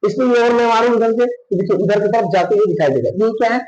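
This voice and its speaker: A man with a Bihari Hindi accent teaches a science class, posing questions and answering them himself while often repeating "thik hai." His high voice is fast and darkish, and the recording sounds muffled in an echoey room.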